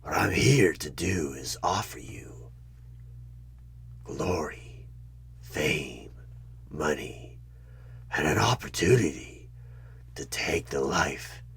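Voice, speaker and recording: With a bass voice that is gravelly and breathy but fairly bright, a man voices a sinister tempter posing as an interviewer for horror ASMR, often dropping into whispers. The exaggerated performance feels tempting and sinister, slow and persuasively menacing, with drawn-out pauses.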